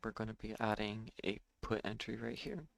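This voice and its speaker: A man with a hoarse, failing voice giving halting live trading commentary as host of a stream. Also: lowish voice, flat delivery, no room sound. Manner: halting, with fillers and throat clearing. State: hoarse, losing his voice. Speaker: day trading livestream host.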